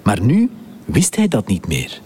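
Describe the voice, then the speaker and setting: A husky man reading a children's story slowly and expressively. His pitch moves widely across each line, and he takes his time with every phrase. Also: wildly swooping pitch, mellow. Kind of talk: scripted story narration.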